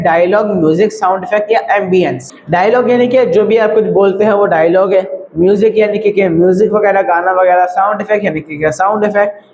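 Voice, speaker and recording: A man's voice: high-pitched, darkish tone, highs cut off, a little hiss or hum. A man teaching audio editing in a casual screen-recorded tutorial, chatty and repetitive. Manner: chatty, repeats "thik hai" and "bhai".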